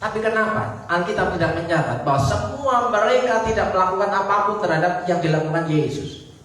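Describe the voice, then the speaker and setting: A man's voice: high voice, lively intonation, fairly quick, fairly bright tone. A male pastor with a Javanese-tinged Indonesian accent preaching a sermon, asking the congregation rhetorical questions. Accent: Javanese-influenced Indonesian. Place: church hall, livestreamed service. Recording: echoey church hall, distant mic.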